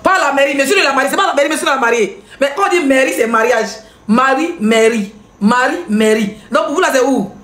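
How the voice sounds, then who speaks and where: Her voice sits high with a fairly bright tone, and the room is reverberant. As a blogger hosting a live stream, she comments mockingly, laughs a lot, and bounces rapidly between viewers.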